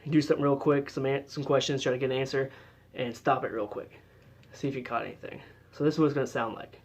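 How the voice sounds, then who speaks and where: A man's voice: medium pitch, steady tone, quick pace. A man giving a casual how-to demonstration as a paranormal investigator, explaining in a loose, chatty way with lots of fillers.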